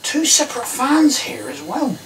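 An extremely high-pitched, very animated middle-aged Englishman speaks at a measured pace, thinking aloud and questioning himself as he tinkers with old electronics for his video. He has an English accent. The small tiled workshop is recorded by a camera mic set a little away, so it sounds distant with noisy clicks and clatter of tools.

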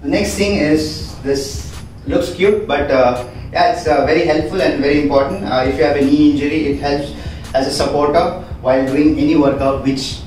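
A man's voice: a little high, fairly even intonation, normal speed, a little mellow, slight background noise. Echoey male fitness trainer. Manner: explanatory, repeats "we do have". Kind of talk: equipment walkthrough. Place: small room in a home gym. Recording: echoey room, distant from mic.

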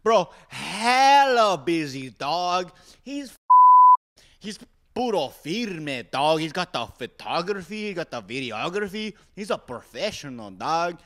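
A man's voice: sits high, huge pitch swings, takes it slowly, bright, forceful tone, heavily acted. A man putting on a Mexican American accent as a laid-back guy hyping his friend, drawling slang. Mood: hyped. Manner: drawling slang, calls everyone dog.

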